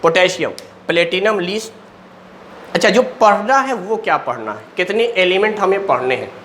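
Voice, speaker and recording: A man's voice: sits high, animated, moderate pace, fairly bright tone, slight background noise. A man teaching a chemistry lesson in speech, explaining step by step and answering his own questions. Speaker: coaching teacher. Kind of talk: classroom lecture at a board.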